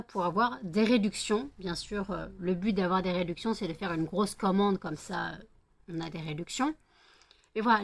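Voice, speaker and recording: A woman vlogger chatting casually to camera about her small shop, hesitant and repeating herself with frequent fillers. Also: medium pitch.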